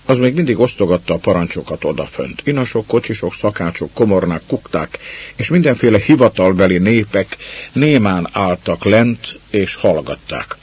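Deep, husky male storyteller. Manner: calm, measured narration. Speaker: narrator. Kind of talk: storybook reading. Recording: dull lo-fi recording.

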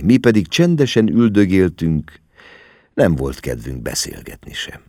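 A man reading a novel aloud as an expressive narrator. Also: on the low side, dry recording, clean studio sound. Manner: expressive storytelling. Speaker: audiobook narrator. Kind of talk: scripted literary narration.

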